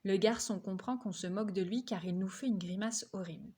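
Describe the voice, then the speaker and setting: Woman reading a children's novel aloud. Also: brisk. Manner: lively, voices characters' quotes higher. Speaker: reader.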